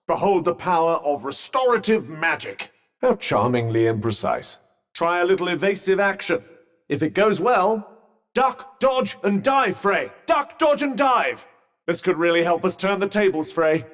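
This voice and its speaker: A man's voice: a little high, animated, normal speed, close to an everyday voice. A British man voicing a sentient magic cuff in a video game, a droll, haughty, fussy companion with a pompous, sardonic, wordy way of talking. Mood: encouraging, smug. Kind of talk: scripted game character banter. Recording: long reverberant echo on the voice.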